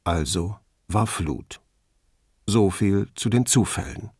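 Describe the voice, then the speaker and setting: A man calmly narrating an audiobook in an even storytelling manner, close to the microphone. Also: on the low side, slow pace, slightly rough, no echo. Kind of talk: scripted narration.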